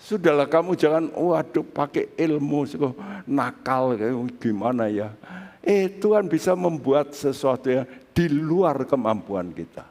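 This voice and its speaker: Male pastor, unhurried chatty sermon with sudden excited peaks, church hall reverb. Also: a little high. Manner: slow, conversational preaching with sudden excited rises. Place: church sanctuary. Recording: long reverb of a large hall.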